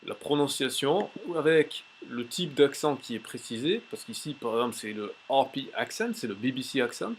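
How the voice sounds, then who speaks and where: A man teaching a language tips lesson in a casual, chatty way, pausing often with fillers as he shows a website on screen. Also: medium pitch, expressive, slight background noise. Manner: chatty, many "euh" fillers and restarts. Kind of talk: casual tutorial with screen demo.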